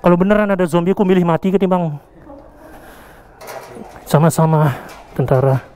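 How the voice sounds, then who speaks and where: A man's voice: high voice, moderate pace, a little mellow. A man with an Indonesian accent giving casual, slangy vlog commentary, joking and exclaiming as he goes. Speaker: vlogger. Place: indoor theme park, action camera worn or held. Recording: music behind the voice.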